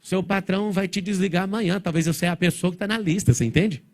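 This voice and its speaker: A male motivational speaker talking fast to a live crowd, his words coming in quick bursts. His voice sits a little on the high side. His delivery is blunt and provocative. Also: a little mellow. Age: adult, father of four. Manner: blunt, provocative, rapid-fire. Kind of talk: motivational stage talk to a live audience.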